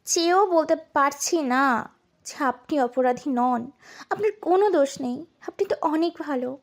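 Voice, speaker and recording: A shy young woman with a high, soft voice, played by an actress, speaking haltingly and with small stammers. Her lines come gently, as in an audio drama. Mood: wistful. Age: young adult. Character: shy young woman Rupa, guilty and tearful. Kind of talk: Bengali audio drama acting.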